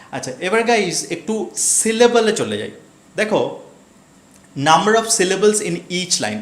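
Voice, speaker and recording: A man's voice: fairly high pitch, a bit bright. A man teaching a poetry lesson to his viewers, calling them guys and mixing English phrases into his explanation. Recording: roomy echo.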